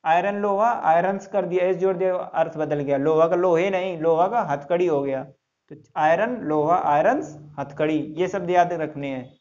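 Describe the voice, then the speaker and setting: A man's voice: a little high, normal speed, a little mellow, dull audio. A male English teacher giving a classroom lesson, spelling words letter by letter and repeating each answer in call-and-response.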